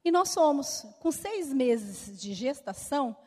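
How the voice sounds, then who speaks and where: A middle-aged woman with a Brazilian Portuguese accent sharing a personal testimony with lively storytelling and acted-out dialogue, in a church hall. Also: high-pitched, slow. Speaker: speaker giving a testimony. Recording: long reverb of a large hall.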